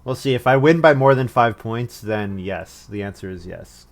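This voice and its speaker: A man's voice: mid-range voice, expressive, moderate pace. A man thinking aloud as he plays a board game, casual and self-mocking. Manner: thinking aloud, self-mocking, chuckles at his own moves. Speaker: board game player narrating his turns. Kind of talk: casual play commentary.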